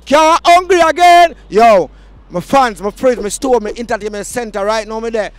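A man's voice: sits high, moderate pace, dry recording. A Jamaican man hosting a street vlog at an outdoor market, hyped and chanting a catchphrase. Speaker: vlog host.

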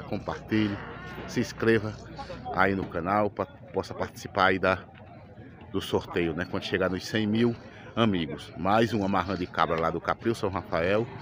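A man with a Pernambuco accent, a vlogger giving a casual guided tour of an outdoor cattle and feed market, chatting to viewers. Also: sits low. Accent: Pernambuco Portuguese. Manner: chatty, addresses viewers, thanks people often. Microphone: camera held by the speaker. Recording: lively crowd around outdoors.

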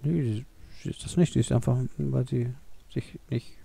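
A man chats his way through a life-simulation game in a loose, meandering style, full of fillers and half-finished thoughts. His voice is very dark and mellow, with a gravelly, husky grain. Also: mid-range voice, fairly even intonation, normal speed. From Germany. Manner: rambling, thinking aloud with many fillers. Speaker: let's play gamer. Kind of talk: casual game commentary.

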